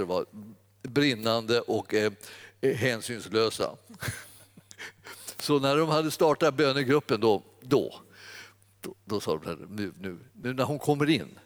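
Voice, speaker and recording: A man preaching through an anecdote in a rambling, self-correcting way, chuckling often as he tells it. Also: medium pitch. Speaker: preacher telling a story. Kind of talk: anecdotal sermon storytelling.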